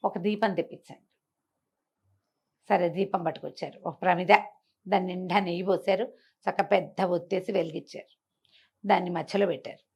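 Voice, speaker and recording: A woman storyteller animatedly tells a moral folk tale, conversational and explanatory, with acted dialogue and rhetorical questions. Her voice is on the low side, darkish, slightly rough and creaky, brisk, with fairly even intonation.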